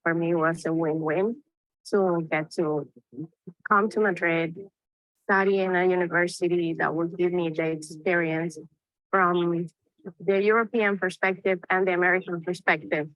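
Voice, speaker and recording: A woman's voice: lowish voice, fairly even intonation, normal speed, a bit bright, no room sound. A woman from Cuba, a student, giving an enthusiastic testimonial in a promotional video interview. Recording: dull, dry promo audio.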